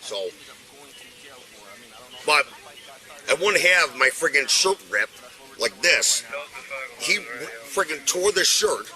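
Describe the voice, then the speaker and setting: A man's voice: fairly high pitch, big pitch swings, takes it slowly, long pauses, bright, forceful tone, poor audio. A drunk middle-aged man rambling and swearing as he tells his side, picked up outdoors by a police body camera. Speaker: resident in a neighbor dispute. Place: outdoors on a residential street. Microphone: officer's body camera.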